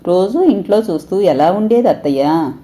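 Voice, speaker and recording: A woman's voice: mid-range voice, expressive, normal speed, mellow, a little hiss or hum, lightly acted. A woman voicing a curt, frustrated married man.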